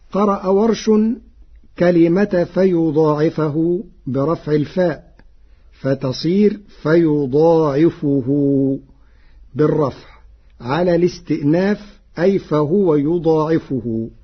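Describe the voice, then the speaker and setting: A man teaching Quran reading variants in a measured, scholarly way, with an Egyptian accent, on a dull radio broadcast. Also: a little high, breathy edge. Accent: Egyptian Arabic. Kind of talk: explaining Warsh reading variants.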